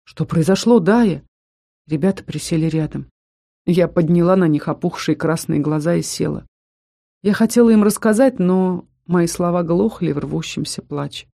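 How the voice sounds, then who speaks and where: A woman reading a first-person fantasy audiobook. Her voice is warm and mellow. Her storytelling is even and heartfelt. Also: lowish voice, normal speed, vocal fry, no room sound, clean studio sound. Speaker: audiobook narrator.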